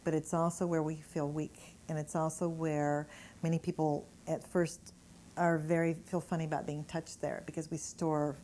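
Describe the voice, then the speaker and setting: A woman energy healer giving a live talk to an audience in a room, telling animated anecdotes and chuckling as she goes. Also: low-pitched, normal speed, a little hiss or hum. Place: indoor room with a gathered audience.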